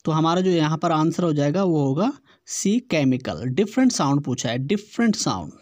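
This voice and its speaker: A man teaching an exam-prep lesson, reading test questions aloud slowly and repeating words to show their pronunciation. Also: a little high, lively intonation, darkish tone, no echo, clean studio sound.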